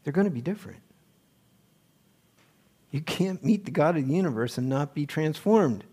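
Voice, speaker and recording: A man's voice: fairly high pitch, expressive, moderate pace, mellow, slightly rough. Earnest man preaching. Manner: earnest, rising to emphatic. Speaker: pastor. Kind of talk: sermon.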